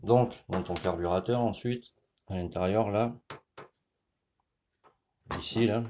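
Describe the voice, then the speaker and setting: A man's voice: fairly low pitch, dark tone, a little hiss or hum. A man with a French accent gives a casual hands-on repair tutorial, talking directly to the viewer and often checking in with "you see" while he works. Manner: informal, speaks directly to the viewer, frequent "tu vois"; explains while working, with pauses and restarts. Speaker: motorcycle mechanic.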